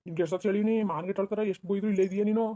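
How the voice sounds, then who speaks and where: A performer voicing a quarrelsome, quick-tempered village husband in a cartoon, with a berating manner. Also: medium pitch, fairly even intonation, lo-fi sound, natural voice. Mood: angry berating. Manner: shouting, berating, rapid. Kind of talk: cartoon voice acting.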